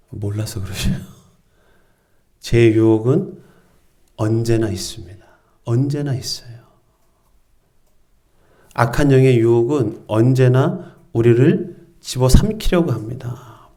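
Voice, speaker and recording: A man's voice: mid-range voice, dark tone. Male pastor, sermon, storytelling, emphatic, middle-aged. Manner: storytelling, emphatic, varied pace.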